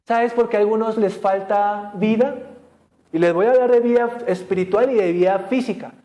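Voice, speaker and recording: A man's voice: high voice, steady tone, moderate pace, warm tone, lo-fi sound. A man preaching a sermon to a church congregation, often asking them questions and joking. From Colombia. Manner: asks the congregation questions, jokes and laughs. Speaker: pastor. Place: church service streamed online.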